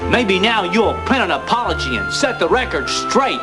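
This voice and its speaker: A cowboy sidekick in a kids comedy serial. His voice is very high and he delivers everything as a wisecrack. Music runs behind him. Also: big pitch swings, moderate pace. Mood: wry. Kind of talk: children's comedy serial acting.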